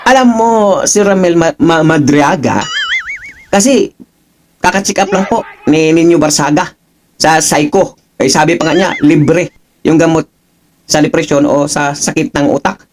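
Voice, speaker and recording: A man's voice: fairly high pitch, measured pace, noisy background. A man giving mocking reaction commentary as a political vlogger, laughing often and taunting with rhetorical questions. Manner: taunting, laughing, keeps asking "ha?".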